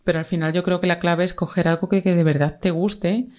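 A young woman with a Spain Spanish accent chats through a relaxed solo podcast episode. Her voice sits a little low for a woman, and she keeps circling back with fillers and quick restarts as she talks things over. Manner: chatty, many fillers and self-corrections. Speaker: podcast host. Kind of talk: casual solo podcast monologue.

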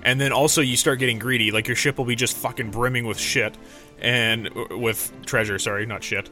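A man's voice: medium pitch, steady tone, fairly quick, sharp tone, soft background music. A young man hosting a podcast, telling rambling, profane stories in casual chat into a studio mic. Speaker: podcast host. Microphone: studio mic through a mixer.

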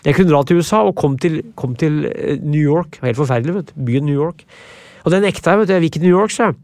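A man's voice: on the high side, darkish tone, no echo, clean studio sound. A man, telling stories as a podcast guest in a rambling, blunt way with many repeated words. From Brumunddal, Norway. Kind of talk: casual storytelling in interview.

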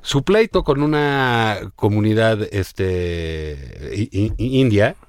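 A man's voice: lowish voice, lively intonation, slow pace, clear, resonant tone, dry recording, studio quality. A man with a Mexican accent co-hosting a casual political chat, easygoing and agreeable. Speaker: co-host.

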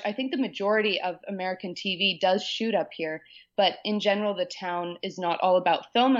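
A woman filmmaker raised in several countries, talking in a relaxed, thoughtful way as an interview guest. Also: mid-range voice, dull audio. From born in Argentina, raised in UK, Canada, US. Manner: relaxed, thoughtful, easy laughter. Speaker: writer-director guest. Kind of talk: casual interview conversation.

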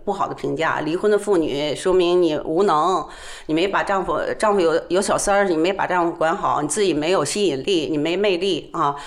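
A woman who trains people on domestic violence explains her views earnestly during an interview. Her voice is fairly low, and her speech is full of hesitant fillers.

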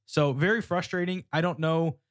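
A man co-hosting a casual sports podcast, chatty and quick to laugh, often repeating his words. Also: a little high, fairly even intonation, dry recording, clean studio sound. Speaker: podcast co-host.

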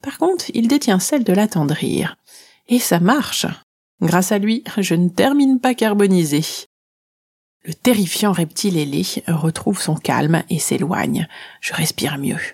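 A woman narrating a children's adventure in the first person, reading in a lively, expressive way. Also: on the low side, a little slow, creaky, slightly rough. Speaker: storyteller.

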